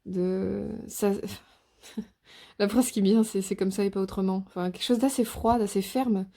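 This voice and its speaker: A woman giving a casual tarot reading to her viewers, speaking softly and hesitantly with many fillers and restarts. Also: medium pitch, fairly even intonation, normal speed. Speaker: tarot reader.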